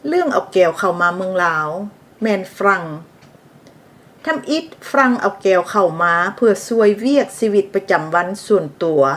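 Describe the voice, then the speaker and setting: A woman from Laos narrating history in a scripted, steady voice of middling pitch. She explains terms as she goes and adds side remarks for her listeners.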